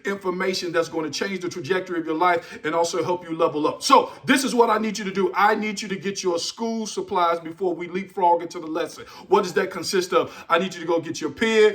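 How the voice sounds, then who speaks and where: A middle-aged man hosting a motivational podcast, speaking in a preacherly style that repeats phrases and builds up to shouts. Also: high voice, steady tone, a little fast, hardly any pauses. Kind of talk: motivational speech.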